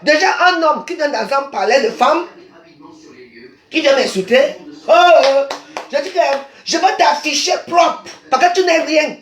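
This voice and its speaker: This is an angry live rant from a Cameroonian social media personality, captured on a phone in an echoey room. She has a high, somewhat bright female voice, expressive at a normal speed, and her Cameroonian French carries combative insults she keeps repeating.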